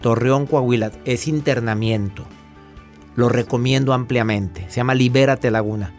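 Brisk talk show host. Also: male voice, medium pitch, fairly even intonation, faint music behind. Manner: brisk, asks leading questions. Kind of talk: radio talk show hosting.

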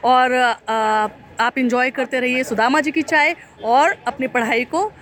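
High-voiced woman hosting street interviews. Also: measured pace. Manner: warm, effusive and encouraging. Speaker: host. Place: outdoors at a city street tea stall.

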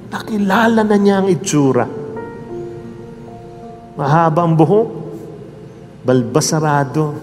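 A high-voiced man preaches at an unhurried, deliberate pace, leaning on each phrase. His voice rings out in a large hall with a long reverb tail and soft music underneath. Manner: slow, emphatic preaching, mixing English and Filipino. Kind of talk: sermon with storytelling.

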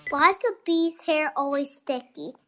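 A woman's voice: high-pitched, moderate pace, fairly bright tone, slight background noise. A playful, giggly young woman hosting a children's podcast and reading out jokes. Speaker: host.

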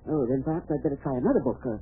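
An actor playing a bumbling, slow-witted, deferential manservant in an old radio mystery, hesitant and dithering, with a husky voice. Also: male voice, mid-range voice, slight background noise, natural voice. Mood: befuddled, deferential. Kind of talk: old-time radio comic acting. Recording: tinny, muffled vintage radio recording.

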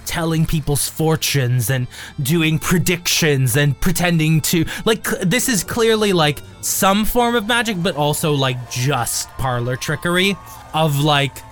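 A man with a slightly high voice narrates a tabletop game as its game master. He describes scenes haltingly, pausing and stretching words, over faint background music. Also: a bit bright.

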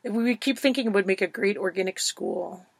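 A woman's voice: mid-range voice, fairly quick, gravelly, husky. A woman hosting a podcast, talking in a chatty, rambling way and laughing often. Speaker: podcast host. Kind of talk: casual interview chat.

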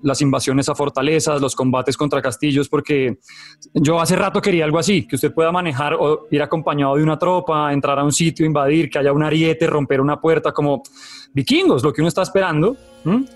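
Animated rambling man, higher voice. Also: fairly quick. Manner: rambling, animated, laughs while talking. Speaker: co-host reviewing a video game. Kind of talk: casual review chat.

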